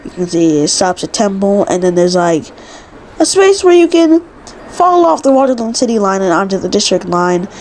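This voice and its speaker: A woman giving chatty, animated commentary over her own gameplay and often correcting herself mid-sentence. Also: mid-range voice, moderate pace, slight background noise. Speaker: gaming video host. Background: game sound effects.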